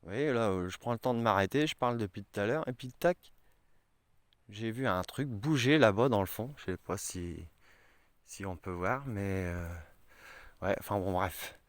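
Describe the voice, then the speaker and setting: A man's voice: lowish voice, animated, moderate pace, no echo. A man vlogging outdoors in a forest, talking earnestly and rambling with many hesitations. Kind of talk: casual vlog talk to camera.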